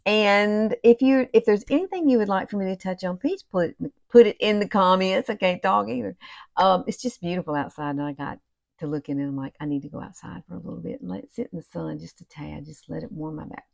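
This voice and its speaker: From a small room at home comes a Southern US woman in her fifties, a beauty vlogger chatting casually and folksily to viewers like girlfriends during a makeup tutorial. Her fairly low voice is creaky and a little mellow, a little fast, recorded dry.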